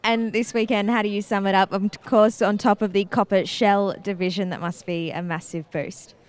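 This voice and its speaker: A woman interviewing race drivers after a race, upbeat and quick with her questions. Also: medium pitch, steady tone, clean tone. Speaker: pit lane interviewer.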